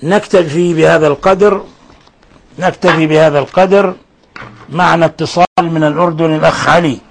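Brief: middle-aged male host-teacher, patient and corrective, slightly high voice. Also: steady tone, a little fast, gravelly, slight background noise. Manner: patient, corrective, repeats examples. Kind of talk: radio lesson correcting recitation.

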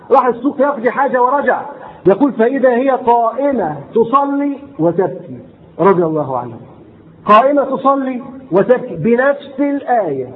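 A man's voice: very high voice, breathy edge. A man with an Egyptian accent preaching a sermon, reciting classical sayings and then repeating and explaining them in colloquial asides. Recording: tinny phone-like recording, faint noise.

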